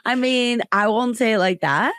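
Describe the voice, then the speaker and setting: A woman's voice: on the high side, normal speed, fairly bright tone, no room sound, clean studio sound. A woman comedian hosting a podcast, telling a rambling story in casual chat, full of fillers and acted-out quotes. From United States.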